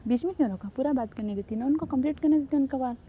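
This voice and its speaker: A woman's voice: high voice, rapid-fire, phone-quality sound, a little hiss or hum, close to an everyday voice. A woman voicing a young woman who presses her partner with curt, probing questions and gives orders. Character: young woman, suspicious and commanding.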